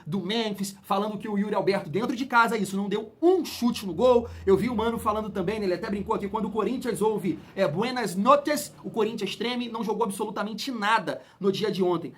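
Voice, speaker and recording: Opinionated man, high voice. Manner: opinionated, heated, colloquial, addresses fans as family. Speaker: football channel host. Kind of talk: casual football commentary to viewers.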